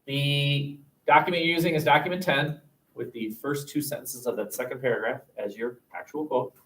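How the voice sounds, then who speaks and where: A man teaching a high school class, dictating word by word with punctuation spelled out and repeating his instructions. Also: fairly even intonation, normal speed, a bit bright. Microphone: distant webcam microphone. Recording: echoey classroom, distant webcam microphone.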